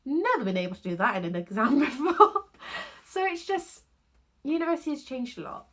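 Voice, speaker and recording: A woman's voice: high-pitched, expressive, fairly quick, a bit bright. A young woman, talking candidly to camera about her university year and laughing often between thoughts. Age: 20s. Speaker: university student vlogger. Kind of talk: casual talking-to-camera vlog. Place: home basement.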